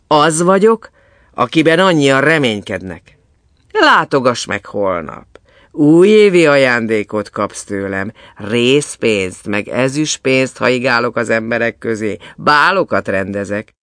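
A man doing a proud young merchant, declaiming, lively intonation, dry close sound. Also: mid-range voice, dry recording. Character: confident young male merchant January.

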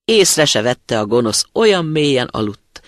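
A storyteller reading a fairy tale aloud dramatically, dropping to a hush at tense moments. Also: mid-range voice, big pitch swings, dry recording, clean studio sound.

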